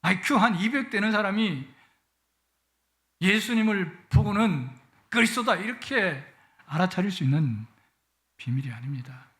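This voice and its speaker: A man's voice: sits high, lively intonation, moderate pace, long pauses, a bit bright. A middle-aged man preaching a Sunday sermon in a church, with a playful manner that swells with emotion. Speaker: guest pastor. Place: church sanctuary.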